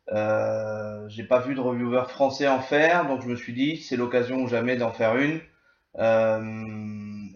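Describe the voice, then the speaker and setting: A man giving a casual hands-on tutorial as a gear reviewer, talking slowly and hesitantly with many filler sounds. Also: medium pitch. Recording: echoey room, dull lo-fi sound.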